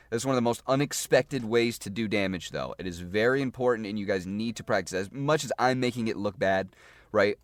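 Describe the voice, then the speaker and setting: A man's voice: lowish voice, no room sound. A man giving a casual gameplay tutorial, chatty and repetitive, thinking aloud while he plays. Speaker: gaming guide creator.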